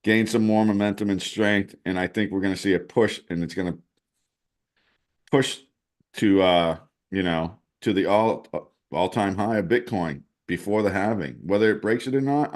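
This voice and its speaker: A man whose voice sits on the low side, talking at normal speed, co-hosts an informal crypto show. He analyzes charts over screen share, musing aloud and frequently starting over.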